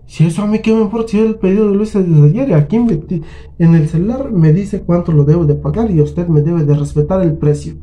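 A man with a Mexican accent tells a story in a slightly high yet very mellow, dark voice. He talks casually and swears freely, acting out both sides of an argument. It suits a relaxed storytelling vlog. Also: fairly quick. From Huasteca region of Mexico. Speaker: channel host.

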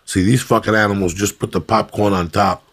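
A middle-aged man hosting a podcast, telling profane, animated stories in casual chat. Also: on the low side, fairly quick. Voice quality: gravelly. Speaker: podcast host.

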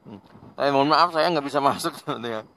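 A fast-talking Indonesian man with a medium-pitched voice narrates his motorbike ride through the countryside for his vlog. Easygoing and chatty, he laughs frequently and speaks to viewers as if they were friends, over a little background hiss or hum.

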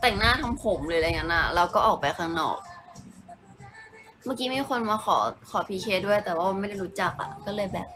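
A woman's voice: on the low side, brisk, a bit bright, slight background noise. A young woman chatting casually on a home live stream, giggling often and answering viewers as she reads their comments.

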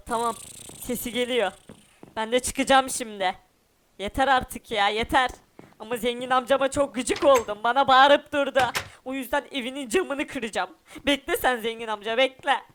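Casting: man doing a whiny runaway boy in a cartoon game parody, high-pitched and sulky. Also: normal speed, fairly bright tone, a little hiss or hum. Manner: whiny, sulking, talks to viewers.

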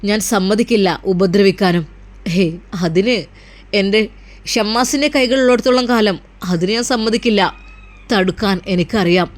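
A woman's voice: medium pitch, normal speed, natural voice. A woman voicing a protective young husband and son who speaks firmly and reassuringly. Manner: firm, commanding, reassuring.

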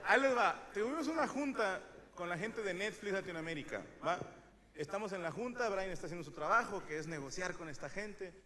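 A Mexican man in his thirties doing a stand-up comedy monologue, telling crude, slangy stories and shouting some bits. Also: high-pitched, expressive, a little fast. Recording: live show with loud audience noise.

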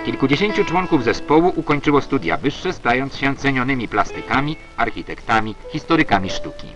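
A man's voice: medium pitch, animated, brisk. Man, old newsreel narrator, formal declamatory delivery, muffled archival film sound. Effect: old 1970s newsreel narration. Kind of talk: scripted documentary narration. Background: music.

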